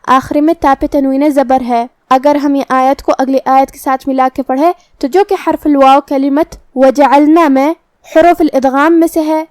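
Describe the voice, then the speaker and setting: A woman teaches Quran recitation in a clear, high voice. She goes through each letter and rule step by step, patiently and methodically. The sound is dry and close, with no room echo. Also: darkish tone. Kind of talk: tajweed lesson, explaining then reciting slowly.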